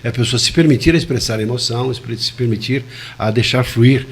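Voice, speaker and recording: A man, a communication expert, explaining in a web radio interview, shifting his volume and pitch to illustrate his points and enunciating each syllable with care. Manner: deliberate, careful enunciation.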